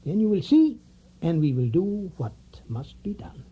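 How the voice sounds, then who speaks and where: An actor playing an elderly, insistent vampire-hunting professor in an audio drama, speaking measured, formal, oddly phrased English. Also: male voice, high-pitched, sing-song, husky, dull audio, heavily acted.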